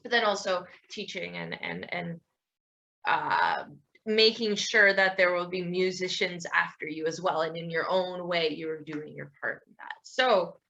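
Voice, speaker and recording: A young woman with a bright, clear tone hosts a relaxed podcast conversation. She rambles through her points, restarts her sentences and laughs easily while complimenting her guest. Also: fairly low pitch, measured pace, dull audio. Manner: rambling, laughs often, warm praise. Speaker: podcast host. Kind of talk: casual interview chat.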